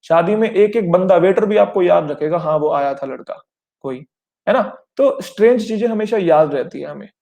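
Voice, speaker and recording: Young male tutor, high-pitched, repetitive coaching delivery for an online class. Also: normal speed, vocal fry, dark tone. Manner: explains in Hindi with English terms, addresses students as children; repetitive, checks in often with rhetorical questions. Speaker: teacher. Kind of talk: online exam-prep vocabulary lesson.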